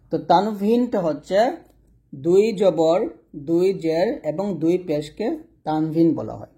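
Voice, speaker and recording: Mellow-voiced man teaching recitation. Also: fairly high pitch. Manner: patient, drills syllables slowly and repeats them. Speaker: Quran reading teacher. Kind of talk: pronunciation lesson.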